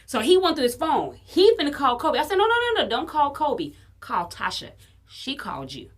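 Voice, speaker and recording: A woman from Chicago, co-hosting a podcast, telling a story in casual chat, animated and profane and acting out the dialogue. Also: high voice, moderate pace. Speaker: podcast co-host.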